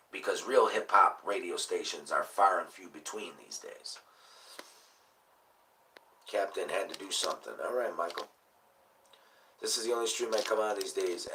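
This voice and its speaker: A man in his late thirties chats loosely on his livestream, drifting from topic to topic and swearing freely. His lowish voice has a sharp, forceful edge. He sits back from the mic, with a faint hiss underneath. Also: distant mic, poor audio. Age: late 30s. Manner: rambling, profane, laid-back. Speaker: livestream host. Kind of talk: casual livestream chat.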